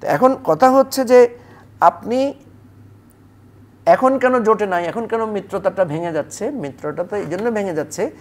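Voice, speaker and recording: A man's voice: sits high, animated, moderate pace, pauses often. A man debating politics as a guest on a television talk show, arguing with rhetorical questions.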